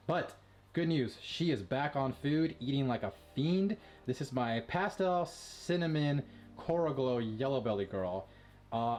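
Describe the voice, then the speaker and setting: A man breeding ball pythons, talking casually and quickly with lots of fillers as he shows his snakes. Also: mid-range voice, a little mellow. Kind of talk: casual vlog showing animals.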